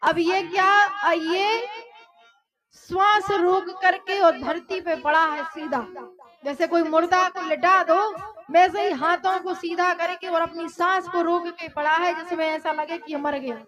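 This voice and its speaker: A woman telling a devotional story as a sermon, in a folksy, lively manner with quoted dialogue and sung passages. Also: extremely high pitch, a little slow. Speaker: katha storyteller. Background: devotional music.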